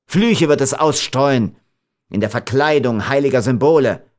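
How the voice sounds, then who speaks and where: A furious young man in a storybook reading, scornful and bitter, as a narrator plays him. His words come loud and slow. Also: medium pitch, pitched above the performer's own voice, natural voice.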